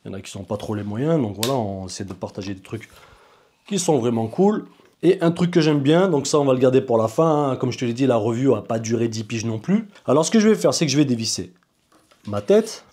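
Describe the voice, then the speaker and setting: Guy doing a laid-back gear review vlog, warm husky voice, chats like a buddy. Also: medium pitch, lively intonation, brisk. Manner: chatty, informal, addresses viewer as buddy. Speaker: video maker reviewing gear.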